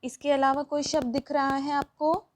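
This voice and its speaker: A woman with a high voice walks children through a worksheet lesson. She explains patiently and step by step, pausing on each example. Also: level tone, slight background noise. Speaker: teacher.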